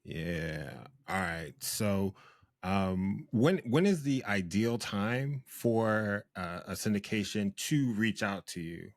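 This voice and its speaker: A man hosting an interview show, asking questions in a relaxed, casual way with some slang. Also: low-pitched, no room sound, studio quality. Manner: relaxed, uses slang like bro. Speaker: podcast host.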